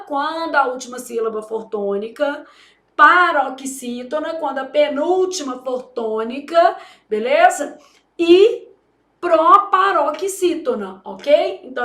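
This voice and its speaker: A woman's voice: high-pitched, reverberant. A Brazilian woman teaching grammar for exam preparation, speaking emphatically and dramatically, with frequent checks on her students. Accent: Brazilian Portuguese. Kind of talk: exam-prep grammar lesson.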